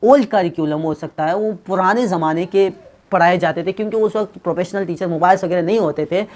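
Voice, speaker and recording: A man's voice: high-pitched, fairly quick, a little mellow. A man teaching English pronunciation in a casual video lesson, joking and teasing his viewers as he explains, and dropping English phrases into his talk.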